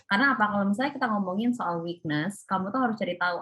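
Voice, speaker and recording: A woman career mentor giving casual interview advice, talking quickly and slipping English phrases into her speech. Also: mid-range voice, fairly bright tone. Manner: fast, mixes English phrases, laughs often.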